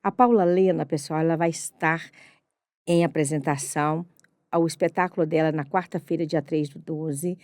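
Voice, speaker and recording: A woman's voice: fairly low pitch, darkish tone, no room sound, clean studio sound. A middle-aged woman hosting a podcast, enthusiastic and affectionate as she introduces and questions her guest. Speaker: podcast host. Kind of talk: casual interview.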